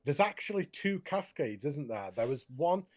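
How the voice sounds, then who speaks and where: A man's voice: on the high side, big pitch swings, moderate pace. A man chatting casually as a gaming co-host, easygoing and rambling with tag questions, on a headset. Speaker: co-host of a park tour.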